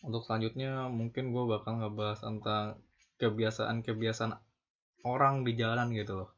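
A man's voice: lowish voice, flat delivery, normal speed. Young guy w lecturing, swears a lot, kinda muffled lo-fi audio. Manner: preachy, scolding, heavy slang and swearing. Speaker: vlogger. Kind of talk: ranting monologue.

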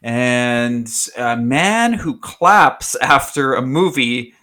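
A man's voice: medium pitch, expressive, drawn-out words, sharp tone. A man co-hosting a casual podcast, reading out listener submissions in an easygoing way and laughing often. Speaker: podcast co-host.

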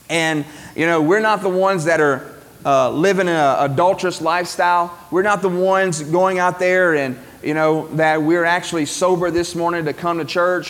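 A man's voice: high voice, long reverb tail. A man preaching a Sunday sermon to a congregation gathered in a cafeteria, speaking earnestly and conversationally, with occasional fillers. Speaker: pastor. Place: cafeteria used for church.

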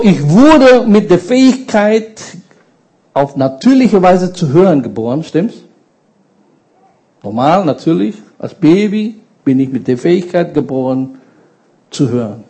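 Slow, emphatic preacher man. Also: on the high side, dark tone, breathy edge, low-quality recording. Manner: slow, emphatic, engages the congregation with questions. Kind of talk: sermon.

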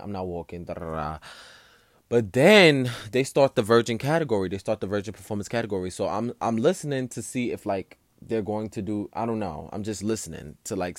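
A young man casually telling a personal story, animated and slangy, full of fillers and acted self-talk. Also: fairly low pitch, dry recording, studio quality.

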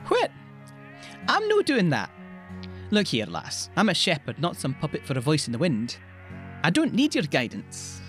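A woman's voice: low-pitched, huge pitch swings, moderate pace, pauses often, faint music behind. A woman voicing a stubborn, grumbling young shepherd prophet with a Scottish accent in an audio drama. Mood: startled, defiant. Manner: grumbling, defiant, plain-spoken.

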